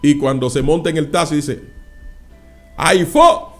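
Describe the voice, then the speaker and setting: A male pastor preaching a sermon, dropping frequent interjections of praise and acting out anecdotes with loud exclamations. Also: a little high, fairly even intonation, a little fast, faint music behind.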